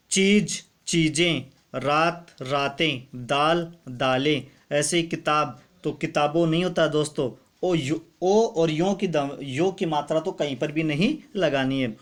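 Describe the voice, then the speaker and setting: A man teaching a grammar lesson for exam students, repeating each example word and often addressing viewers as friends. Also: fairly high pitch.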